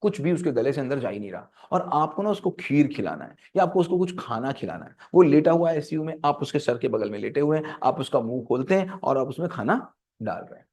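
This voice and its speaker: A man's voice: mid-range voice, sing-song, a little fast, a little mellow. A middle-aged man giving an earnest motivational talk on parenting and life skills. He repeats phrases for emphasis and mixes English terms into his Hindi.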